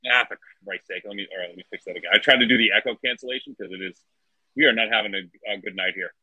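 A man's voice: fairly low pitch, racing, pushed and bright, husky, no room sound. A man co-hosting a podcast over a remote call whose voice comes through tinny, as if inside a tin can. He fiddles with his audio setup. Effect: tinny, like talking inside a tin can. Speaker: podcast co-host. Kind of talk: casual movie-review chat. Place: cabin during heavy rain.

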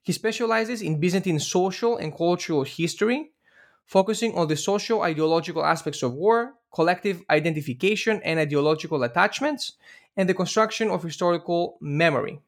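A man's voice: sits high, brisk. A man hosting a podcast interview, introducing his guest and asking questions with stammered restarts and fillers. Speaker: podcast host.

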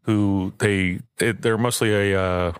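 A man co-hosting a podcast, relaxed and laid-back, chatting casually about movies. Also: on the low side, takes it slowly, a little hiss or hum. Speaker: podcast co-host.

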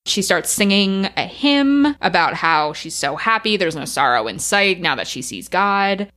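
Lowish-voiced woman, excited podcast chat. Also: unhurried. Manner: excited, emphatic, swears freely. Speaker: podcast co-host. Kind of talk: casual film discussion.

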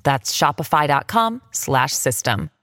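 A woman's voice: very animated, a little slow, fairly bright tone, no room sound, clean studio sound. A woman reading an upbeat advertisement for a podcast sponsor. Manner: upbeat sales pitch. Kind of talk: ad read.

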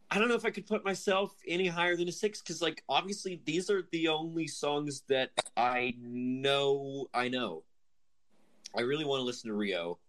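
A man's voice: mid-range voice, fairly bright tone. A young man co-hosting a podcast, chatting casually and enthusiastically, rambling and joking at his own expense. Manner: rambling, enthusiastic, self-deprecating with laughs. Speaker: podcast co-host.

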